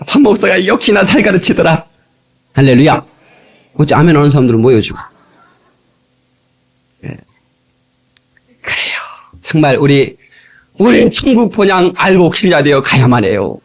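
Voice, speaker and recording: A man preaching a sermon as pastor, playful and animated, with sudden loud exclamations, from an old cassette recording. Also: fairly high pitch. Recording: old tape transfer.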